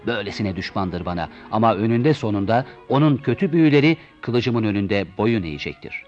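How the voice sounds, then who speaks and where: A man voicing a grandiose, deluded old knight who declaims loudly. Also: lowish voice, animated, a little fast, natural voice. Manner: bombastic, declaiming, shouting. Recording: dull lo-fi recording with soft music.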